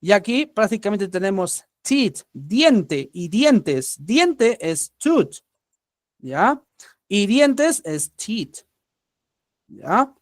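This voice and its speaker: High-voiced man teaching, checking in often. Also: big pitch swings, no echo, clean studio sound. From Peru. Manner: repeats example words slowly to model pronunciation. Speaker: English teacher. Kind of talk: online grammar lesson.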